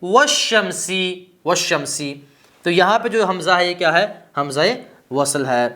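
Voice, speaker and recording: Male teacher, higher voice, patient classroom delivery, answers his own questions and slows to sound out examples. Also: lively intonation, a bit bright. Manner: asks rhetorical questions and answers them himself; slows down to spell out example words. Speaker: teacher of Arabic grammar. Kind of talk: classroom grammar lesson.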